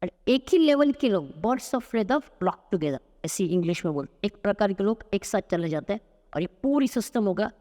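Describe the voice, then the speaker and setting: A man's voice: sits high, very animated, a little fast, dark tone. Emphatic man coaching, in a reverberant room. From Maharashtra, India. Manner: emphatic, mixes Hindi and English. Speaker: spoken English coach. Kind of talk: podcast interview answer.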